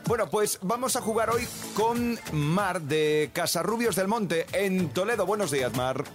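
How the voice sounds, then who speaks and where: A man's voice: high voice, animated, unhurried. A man hosting a morning radio show with upbeat, playful game-show patter. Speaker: radio host. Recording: radio broadcast with music behind.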